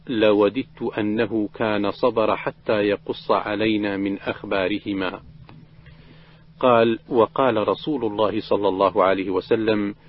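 Low-voiced man reciting religious texts, lo-fi. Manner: steady measured reading, quoted dialogue read without acting. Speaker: reader of a hadith collection. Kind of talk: recited religious text reading. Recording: dull lo-fi recording.

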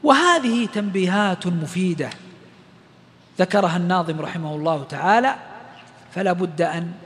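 Man, recitation teacher, high pitched, sharp bright tone, slow chanted examples, long hall echo. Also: animated. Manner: explains rules, then chants the verse examples slowly. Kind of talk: tajweed lesson.

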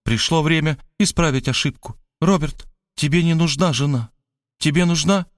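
A man's voice: moderate pace, no echo, clean studio sound, close to an everyday voice. A man voicing a doting, dramatic middle-aged woman who pleads with gushing, theatrical exclamations. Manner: gushing, pathetic exclamations, high-pitched. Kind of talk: audiobook character voice.

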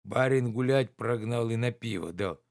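A man's voice: mid-range voice, gravelly, a little mellow, no room sound, studio quality, close to an everyday voice. A man reading the part of a lazy, grumbling old manservant who drawls his excuses. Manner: drawling, reluctant, slow.

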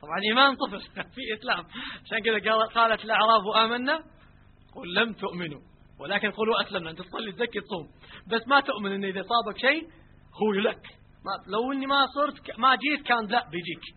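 High, fast-talking preacher on a tinny line. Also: male voice. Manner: lively, asks the crowd rhetorical questions. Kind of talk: colloquial sermon with storytelling. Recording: tinny phone-like lo-fi recording with faint noise.

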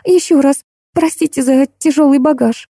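A woman voicing a shy, blushing young woman who apologizes constantly in a high, chirping voice. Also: moderate pace, warm tone, no room sound, studio quality. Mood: fluttering. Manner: breathless, fluttering, apologetic.

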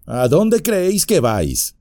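A man's voice: a little high, huge pitch swings, slow pace, dark tone, no room sound, clean studio sound, pitched above the performer's own voice, full character voice. A man voicing a big, sneering, brutish ruffian in an audiobook, menacing and mocking. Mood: scornful.

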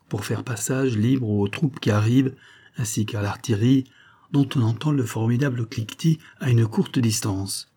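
A man narrating a classic novel aloud, measured, raising his voice for the characters' lines. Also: lowish voice, dark tone, slightly rough. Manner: measured, lifts voice for dialogue. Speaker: audiobook reader.

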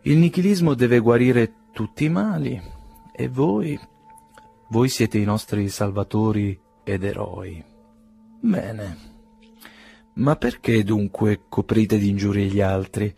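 A man reading an audiobook, playing an irritable older aristocratic gentleman who sneers coldly and then bursts into indignation. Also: lowish voice, takes it slowly, gravelly, husky, faint music behind, heavily acted. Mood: icy ironic. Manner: cold and ironic, flaring into indignant outbursts.

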